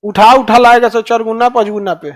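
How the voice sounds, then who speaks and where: Bihari guy lecturing a class, really high voice, keeps throwing questions at them. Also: flat delivery, moderate pace. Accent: Bihari Hindi. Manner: rhetorical questions, colloquial. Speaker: teacher.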